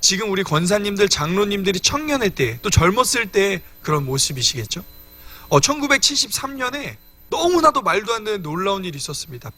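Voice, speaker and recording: Bright, lively-voiced young male preacher. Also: high voice. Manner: earnest teaching, addresses congregation directly. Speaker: evangelist preaching. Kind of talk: sermon.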